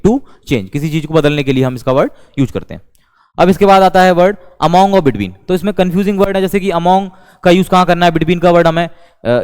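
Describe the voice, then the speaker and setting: A man's voice: on the high side, a little mellow, clear, resonant tone, long reverb tail. A man with an Indian accent teaching English vocabulary in a lecture, repeating terms as he explains. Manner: repeats words, mixes Hindi and English.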